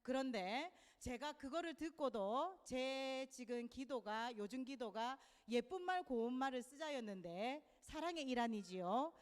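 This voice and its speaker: A woman from Busan with a Gyeongsang accent, a church teacher talking gently and chattily to children. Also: high voice, big-room sound. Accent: Busan Gyeongsang Korean. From Busan, South Korea. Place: church hall.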